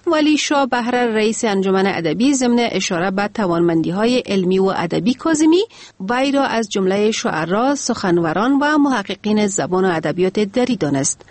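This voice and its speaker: A woman reading a cultural news report in a formal, even way. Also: medium pitch, no echo. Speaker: news reader.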